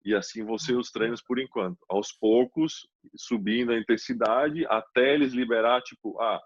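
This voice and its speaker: A man, a podcast guest and basketball player, calmly explaining things in casual chat. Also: mid-range voice, moderate pace, no room sound. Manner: calm, explanatory. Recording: dull, dry lo-fi sound.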